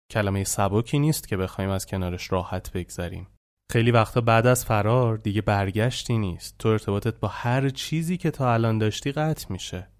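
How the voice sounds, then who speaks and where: A man's voice: fairly low pitch, darkish tone. A man narrating a true story he was told, in a colloquial, reflective storytelling manner.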